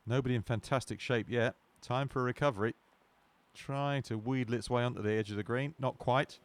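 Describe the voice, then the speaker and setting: A man's voice: medium pitch, fairly even intonation, fairly quick. A man giving wry golf commentary with dry, playful understatement.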